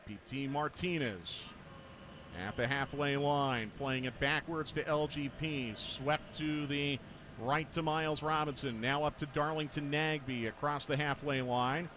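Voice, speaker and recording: A man calling a soccer match play-by-play, rising in pitch as attacks build. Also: fairly even intonation, unhurried, fairly bright tone, a little hiss or hum. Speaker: play-by-play commentator. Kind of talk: radio-style soccer commentary.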